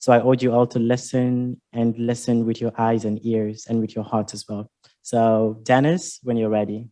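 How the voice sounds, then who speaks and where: A man's voice: mid-range voice, little pitch movement, normal speed, dark tone. A man hosting an open mic, introducing the next performer and encouraging the audience. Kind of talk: event hosting. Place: university exhibition room with seated audience.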